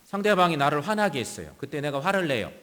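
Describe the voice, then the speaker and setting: Lively preaching man in an echoey church. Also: a little high, fast. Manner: preaching with strong swings between loud emphasis and soft asides. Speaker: pastor. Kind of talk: sermon. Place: church sanctuary.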